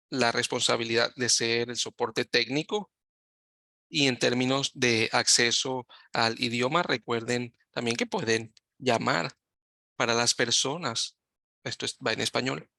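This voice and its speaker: A man giving live Spanish interpretation of a webinar over a video call, talking in halting phrases and often correcting himself mid-sentence. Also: medium pitch, creaky, sharp tone, no room sound, clean studio sound. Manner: halting, with frequent self-corrections.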